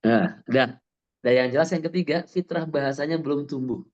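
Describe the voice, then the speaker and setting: A man's voice: a little high, a little fast. A man giving a talk as a parenting coach, emphatic, asking rhetorical questions and answering them himself. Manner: emphatic, asks and answers his own questions. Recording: dull lo-fi sound.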